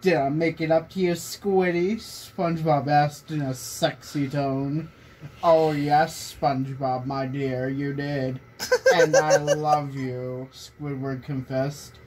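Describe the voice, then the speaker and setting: Reading fan fiction to friends, a young man with a fairly high, darkish voice keeps a steady tone and goes slowly, though he often breaks into laughter. It's a noisy, casual recording made in a small bedroom.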